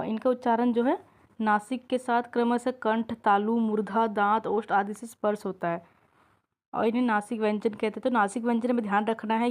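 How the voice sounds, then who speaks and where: A woman teaching an exam-prep grammar lesson, explaining step by step, checking in with her students and drawing out each example sound slowly. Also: mid-range voice. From India.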